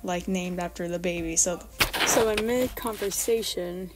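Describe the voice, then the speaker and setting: A woman with a raspy voice giving a casual, informal vlog voice-over about her art, rambling and hesitant as she goes. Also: lowish voice, unhurried, loud music behind the voice, rough recording. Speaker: artist presenting original character redesigns.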